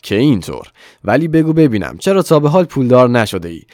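A man's voice: mid-range voice, sing-song, a little mellow, no room sound, studio quality. A man voicing a shrewd, playful older male millionaire in a storybook reading, questioning in a raised voice. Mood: teasing.

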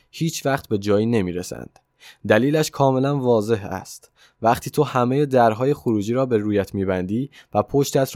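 Man voicing a calm millionaire mentor. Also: on the low side, no echo, clean studio sound, close to an everyday voice. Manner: calm and insistent. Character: calm, self-assured wealthy older male millionaire mentor.

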